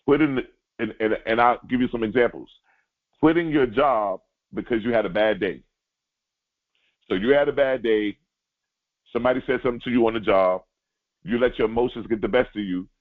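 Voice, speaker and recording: A man giving a spiritual teaching, speaking directly to his listeners and repeating key lines slowly for emphasis. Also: medium pitch. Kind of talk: sermon-like teaching. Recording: tinny phone-like line.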